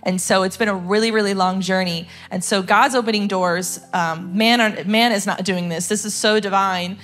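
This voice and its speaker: A woman's voice: medium pitch, steady tone, normal speed, a bit bright. Chatty young woman sharing a church testimony. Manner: chatty and conversational with many fillers. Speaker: church staff singer giving testimony.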